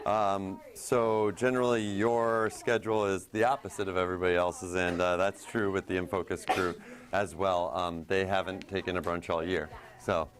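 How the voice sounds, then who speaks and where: An adult male teacher gives a casual interview answer. His voice is on the low side and his delivery is halting. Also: little pitch movement, crowd noise. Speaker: broadcast teacher.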